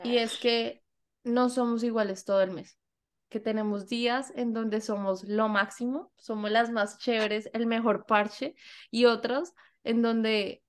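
Young Colombian woman, podcast co-host, animated and giggly, slightly high pitch. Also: measured pace. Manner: animated, laughs often, acts out dialogue. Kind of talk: casual chat.

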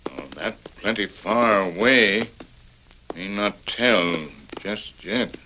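Slow, stoic Tonto. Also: male voice, fairly low pitch, bright, forceful tone, a little hiss or hum, low-quality recording. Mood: watchful. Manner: halting broken English, terse.

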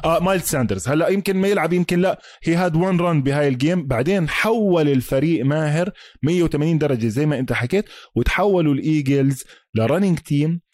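A man's voice: on the high side, fast, a little mellow, dry recording, clean studio sound. A man with a Palestinian Arabic accent chatting casually about sports as a podcast host, emphatic and repeating himself, mixing in English terms.

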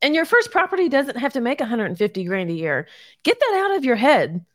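A woman's voice: high voice, big pitch swings, brisk, no echo. Casual, down-to-earth woman guest, encouraging, laughs a lot, dry close recording. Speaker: guest, realtor and short-term rental owner. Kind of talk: casual interview chat.

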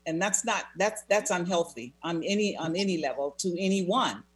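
Husky-voiced therapist reflecting calmly. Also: mid-range voice. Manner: measured, reflective, repeats phrases. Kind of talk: conversational interview.

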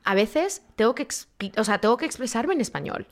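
Woman from spain, spain spanish accent, casual guest chat, animated, does little voices for quotes. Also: fairly high pitch, a little fast. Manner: animated storyteller, acts out quotes. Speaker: podcast guest, actress. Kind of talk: casual conversation.

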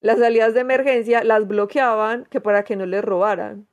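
A woman from Manizales with a Colombian paisa accent, co-hosting a podcast in relaxed, chatty storytelling with fillers. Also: on the high side, normal speed, dull audio. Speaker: podcast co-host. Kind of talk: casual chat.

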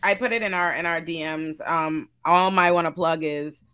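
A woman co-hosting a casual online panel show, chatty and animated as she jumps between topics. Her voice is bright and carries a clear edge. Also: sits low, moderate pace. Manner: animated, chatty, plugs her own work. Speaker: panel co-host.

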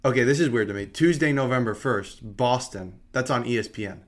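A man's voice: medium pitch, fairly quick. A man hosting a podcast, chatting casually and thinking aloud about hockey schedules. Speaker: podcast host. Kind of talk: casual sports chat.

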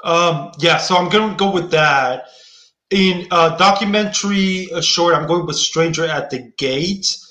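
A man's voice: a little high, unhurried, pushed and bright. A man hosting a casual chat about award predictions, thoughtful and hedging with frequent restarts. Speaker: podcast host. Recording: echoey room.

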